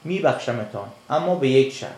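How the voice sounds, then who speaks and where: Man voicing a cunning pelican, gloating, mid-pitched, echoey room. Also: animated, a little mellow, close to an everyday voice. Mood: scheming. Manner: gloating, falsely gracious. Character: sly greedy pelican, male, cunning predator.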